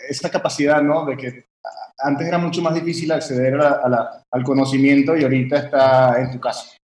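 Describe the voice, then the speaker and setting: This guest brewer, born in Venezuela, tells his story in a conversational interview, rambling with lots of fillers and restarts. His voice is medium-pitched, steady, somewhat dark, and a touch quick. It's recorded in a warm, echoey room with fans running and a faint hum underneath.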